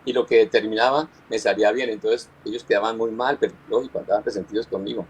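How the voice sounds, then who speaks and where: A pastor giving an earnest personal testimony, often halting and repeating his words as he recounts. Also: on the low side, steady tone, slight background noise, rough recording.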